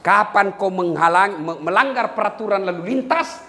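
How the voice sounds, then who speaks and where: Animated preacher man in an echoey hall. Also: moderate pace. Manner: animated, swings between loud and low, sings snatches of songs for laughs. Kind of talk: humorous sermon to a live audience. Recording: echoey live hall with faint noise.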